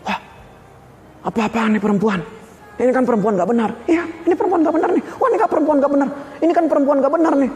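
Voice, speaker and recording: Guy doing snide gossipy pharisee, fast and high, echoey hall. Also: dark tone. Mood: scornful gossip. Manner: fast, sneering, repetitive. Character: gossiping Pharisee men, scornful. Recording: long hall reverb.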